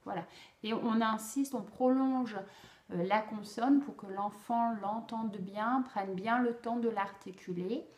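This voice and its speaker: A woman explaining how to teach a speech sound to children, slow and deliberate, with frequent pauses and fillers. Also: a little high, a little mellow. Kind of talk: instructional explanation for parents. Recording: echoey room.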